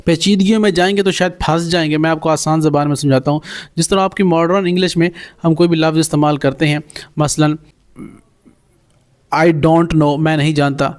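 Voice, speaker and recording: Man, somewhat high voice, Quran Arabic teacher, slow recitation then plain explanation. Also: fairly even intonation. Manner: explains Arabic words slowly, then translates them plainly. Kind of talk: recorded language lesson.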